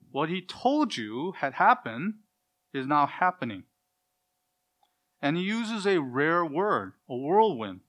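Emphatic male Bible teacher. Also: on the high side. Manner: emphatic, swings from loud stresses to quiet asides; uses Hebrew pronunciations of names. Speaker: preacher.

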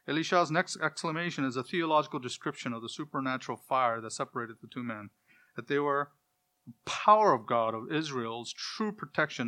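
A man preaching an expository Bible lesson, stressing key words loudly and dropping to quiet asides, with Hebrew pronunciations of names. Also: medium pitch. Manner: emphatic, swings from loud stresses to quiet asides.

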